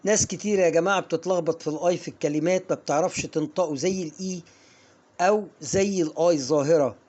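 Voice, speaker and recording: A man with an Egyptian Arabic accent giving an online English pronunciation lesson, coaxing viewers and slowing down to model each word. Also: on the high side, darkish tone, lo-fi sound. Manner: coaxing, drills viewers, slows down to model words.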